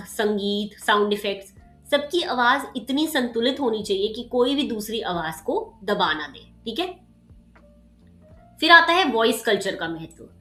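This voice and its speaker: Sharp-voiced woman tutor, echoey room. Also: a little high. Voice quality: slightly sharp voice. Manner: explains with everyday examples, frequent "ठीक है" and "okay" check-ins. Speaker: exam tutor. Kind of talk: casual exam-prep lecture.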